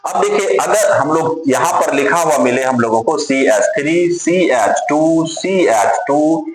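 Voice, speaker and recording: A man's voice: a little high, lively intonation, measured pace, crowd noise. A man teaching a chemistry lesson to students. He spells names out letter by letter, asks his own questions and answers them, and calls the students dear children. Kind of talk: classroom lecture. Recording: very echoey room with music behind.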